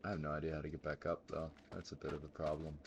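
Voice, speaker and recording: Deep-voiced man rambling through a game. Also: monotone, racing, vocal fry, noisy background. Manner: rambling, thinking aloud, with exclamations. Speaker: streamer. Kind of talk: casual gameplay commentary.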